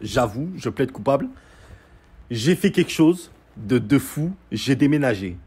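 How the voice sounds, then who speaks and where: A young man telling a story in a casual, sarcastic rant, mocking and animated as he recounts events. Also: medium pitch, a little slow, husky.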